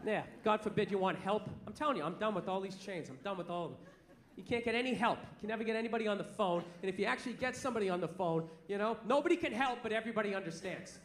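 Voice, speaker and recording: Loud high-pitched man ranting on stage. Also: racing. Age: middle-aged. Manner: loud, sharp, exasperated delivery; profane, blunt. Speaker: stand-up comedian. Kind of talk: stand-up comedy rant to an audience. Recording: echoey live stage, noisy crowd.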